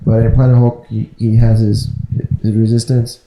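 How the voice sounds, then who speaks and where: A man's voice: fairly low pitch, level tone, moderate pace, mellow, reverberant, low-quality recording. A man co-hosting a podcast, chatting casually, restarting often and correcting comic details. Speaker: podcast co-host. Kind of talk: casual chat about movies and comics.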